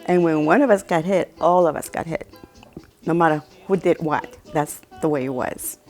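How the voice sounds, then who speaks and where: A woman's voice: sits low, normal speed, a little mellow, soft background music. An older woman recalling a strict upbringing in a frank, amused way. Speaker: interviewee. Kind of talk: reminiscing interview.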